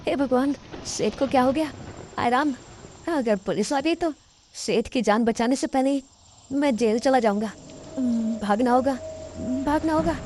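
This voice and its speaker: A woman's voice: fairly high pitch, fairly even intonation, a little fast, few pauses, a little mellow, a little hiss or hum, natural voice. A woman voicing a frightened, cowardly male chauffeur who talks in frantic bursts, in a cartoon storybook. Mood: panicked. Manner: frantic, breathless pleading.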